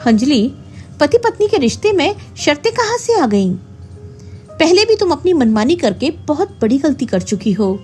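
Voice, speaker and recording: A woman's voice: high voice, big pitch swings, normal speed, warm tone, faint music behind, pitched above the performer's own voice. A woman voicing an earnest young husband who talks in a pleading way, in a storybook tale. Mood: upset.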